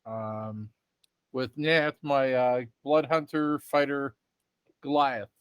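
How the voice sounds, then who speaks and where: A man's voice: medium pitch, steady tone, takes it slowly, clear, resonant tone, no room sound, lo-fi sound. A man chatting informally and casually as a player on a tabletop role-playing show. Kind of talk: casual group chat.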